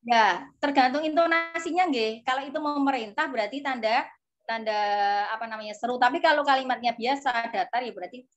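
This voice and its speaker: Javanese-accented woman teacher with a high, patient voice for an online class, captured on dull lo-fi audio. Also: fairly quick, faint music behind. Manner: patient, coaxing, tags sentences with a soft "nggih". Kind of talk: online exam-prep class.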